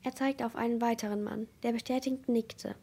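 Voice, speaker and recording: Woman narrator, steady audiobook reading, somewhat high voice. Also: husky. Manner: steady, measured storytelling.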